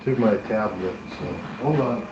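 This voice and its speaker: A man's voice: lowish voice, moderate pace, muffled recording, noisy background. A man rambling casually to his livestream chat, full of fillers and restarts. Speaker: live streamer. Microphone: tablet streaming via phone hotspot.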